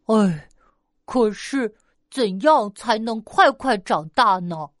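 A high, childlike bear cub, voiced by a woman in a storybook, impatient and whiny with longing to grow up. The delivery is slow and drawn out, in a dry, close sound. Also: animated, no room sound. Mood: wishful.

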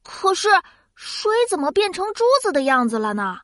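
A cheerful little child who hosts a children's science cartoon. The voice is very high and bright, with a dry, close sound. It is childlike, curious and full of wide-eyed exclamation. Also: female voice, big pitch swings, normal speed, dry recording. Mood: curious, impressed.

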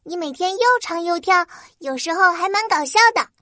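A woman's voice: extremely high pitch, normal speed, bright, forceful tone, no room sound, clean studio sound, pitched above the performer's own voice. A woman voicing a tiny, hot-tempered flower fairy girl for a children's story, with a piping little voice and a petulant, complaining manner. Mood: softened, sincere.

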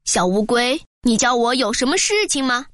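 Woman putting on a deeper steady eagle, storybook bird, patient big brother. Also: moderate pace, no echo, clean studio sound, close to an everyday voice. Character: big calm male eagle.

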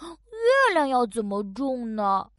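A young bear cub from a children's audio story, earnest and full of wonder. The voice is high and lively, with unhurried phrasing and a close, dry sound. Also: female voice, no room sound, exaggerated voice. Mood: thoughtful, encouraging. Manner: hesitant, wondering, exclamatory.

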